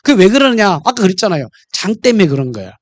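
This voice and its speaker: A male pastor preaches in church, telling jokes and stories between points. His pitch swings widely and lively. The sound is close and dry, with little room echo. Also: quick pace. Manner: humorous, storytelling. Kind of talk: sermon.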